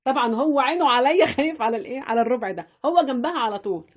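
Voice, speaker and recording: A woman's voice: high voice, lively intonation, rapid-fire. A woman with an Egyptian Arabic accent giving household budgeting tips in a chatty vlog, repeating phrases and talking straight to her viewers. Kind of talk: casual instructional vlog.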